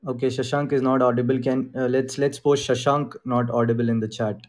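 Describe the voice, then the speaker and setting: A man's voice: mid-range voice, little pitch movement, a little fast. Casual Indian-accented man hosting a group call. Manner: informal, mixes Hindi phrases into English. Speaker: host of an online group call on crypto investing.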